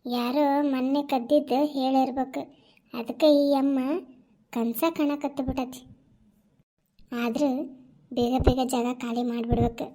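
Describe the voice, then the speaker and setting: A sneaky cartoon thief, put on by a woman, very high voice, slow sing-song boasting. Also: little pitch movement, mellow, natural voice. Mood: hushed. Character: sneaky male thief, sly and gloating.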